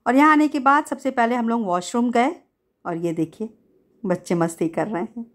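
A woman's voice: a little high, normal speed. Chatty middle-aged woman narrating a vlog. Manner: chatty, easygoing storytelling with many "to" linkers. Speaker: family vlogger. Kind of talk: voice-over narration of a family outing.

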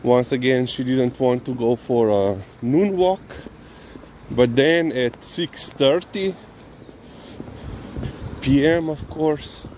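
A man's voice: medium pitch, darkish tone. A man chatting casually while walking his dog outdoors at night, filmed on a phone, talking to the viewer and now and then to the dog. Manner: slow, chatty, talks to his dog between remarks. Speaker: dog owner vlogger. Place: city streets at night, outdoors. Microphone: handheld phone camera filming while walking. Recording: faint street and traffic noise.

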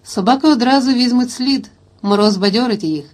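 A woman's voice: on the high side, brisk, a little mellow, lightly acted. A woman reading the lines of a cheerful, spirited young king who rouses his hunting party, in an audiobook. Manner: hearty, rousing calls to the hunt.

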